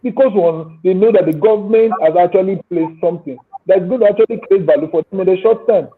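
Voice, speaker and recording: Over thin, tinny call audio, an agribusiness owner with a Nigerian accent talks fast in a high-sitting voice. He's on a panel and earnestly backs each point with a proverb or an example.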